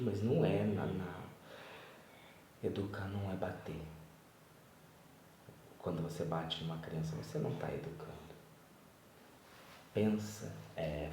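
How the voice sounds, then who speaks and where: A young man talks gently to his baby son late at night, coaxing and moralizing in a low, mellow voice. He is recorded at home on a camera mic set some distance away, so his voice sounds thin and far off. The room adds a heavy echo, with a faint hum of room noise underneath. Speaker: vlogger and father.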